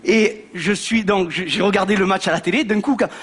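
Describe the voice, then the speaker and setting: A man's voice: high-pitched, fairly quick, a bit bright, breathy edge. A male comedian, half speaking and half singing a comic sketch. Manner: half spoken, half sung.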